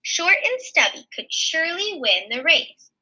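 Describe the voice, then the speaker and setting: At a measured pace, a female teacher with a high, very bright voice gives an expressive storytime reading of a picture book, pausing for simple explanations of the pictures aimed at children. The recording sounds rough.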